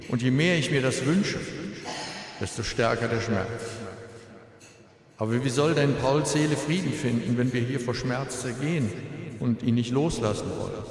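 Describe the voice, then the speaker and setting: A middle-aged man delivers a funeral eulogy in a large, very reverberant hall. His mid-pitched voice is measured and solemn, with deliberate pauses and a streak of dry humour. Long echoes trail behind his phrases. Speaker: bereaved father giving a eulogy.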